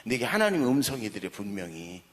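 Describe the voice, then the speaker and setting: A man preaches from the pulpit in a chatty, storytelling way, breaking off to talk directly to his listeners. His pitch rises and falls a great deal as he plays out the lines of the people in his story. Long church reverb follows each phrase. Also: fast talker. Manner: acts out quoted dialogue with lively swings in pitch; conversational, asides to the congregation. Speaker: pastor. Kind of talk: sermon with storytelling. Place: church sanctuary.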